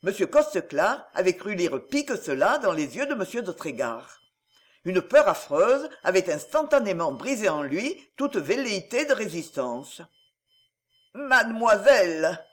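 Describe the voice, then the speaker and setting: A man narrating a classic novel as an audiobook, in an expressive storytelling manner. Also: sits high, normal speed.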